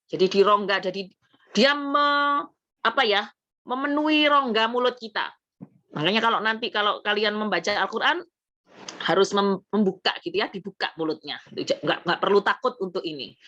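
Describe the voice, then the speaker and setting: A woman's voice: mid-range voice, normal speed, bright, forceful tone, lo-fi sound. A woman with an Indonesian accent giving a casual lesson on Quran recitation. She explains patiently, often adding "gitu ya", and sounds out letters aloud to demonstrate.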